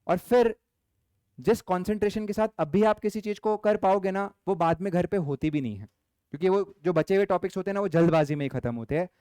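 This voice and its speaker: A young male lecturer, his voice smooth and clear and pitched a little high. He mixes Hindi and as he teaches, talking firmly to the class and slowing down to read exam questions. The sound is dry and close, with no room echo. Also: dark tone. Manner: Hindi-English mix, firm scolding, reads questions aloud slowly. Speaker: commerce lecturer.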